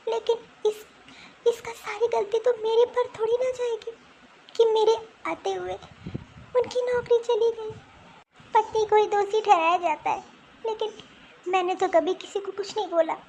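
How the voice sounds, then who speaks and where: Woman voicing a tearful young bride, very high. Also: darkish tone, a little hiss or hum. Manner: pleading, self-pitying complaints. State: crying. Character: young pregnant daughter-in-law, wronged and tearful. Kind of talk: Hindi cartoon voice acting.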